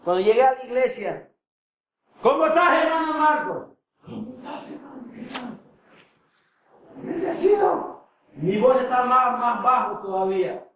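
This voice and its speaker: A male pastor preaching a sermon, shouting at the peaks and calling for applause. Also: very high voice, moderate pace, dull audio. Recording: echoey hall from far off.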